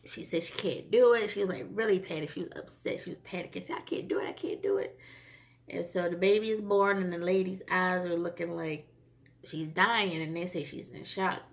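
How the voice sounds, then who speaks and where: A woman's voice: lowish voice, steady tone, a little fast, creaky. A woman casually recapping a TV episode for her channel, chatty and rambling, with frequent fillers. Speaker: TV episode reviewer.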